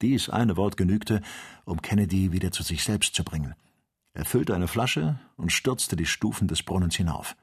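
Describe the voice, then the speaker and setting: A man reading an adventure novel aloud as audiobook narrator, in measured storytelling. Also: low-pitched, lively intonation, husky. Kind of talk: scripted narration.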